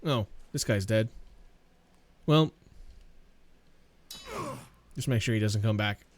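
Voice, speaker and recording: A man's voice: lowish voice, slow pace, darkish tone, slight background noise. A man casually commentating while playing a video game, sarcastic and swearing freely. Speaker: gaming channel host. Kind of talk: let's play commentary.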